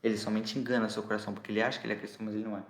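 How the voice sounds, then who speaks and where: A man's voice: fairly low pitch, flat delivery, very fast, echoey room. A man with a Brazilian Portuguese accent preaching an expository sermon, explaining a scripture passage and often checking that listeners understand. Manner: explanatory, asks listeners "entendeu?".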